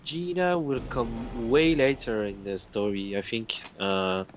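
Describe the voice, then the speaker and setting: A man's voice: mid-range voice, fairly even intonation, takes it slowly, soft background music. A man guest on a gaming stream, explaining the game hesitantly with fillers. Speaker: guest player. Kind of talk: casual gaming chat.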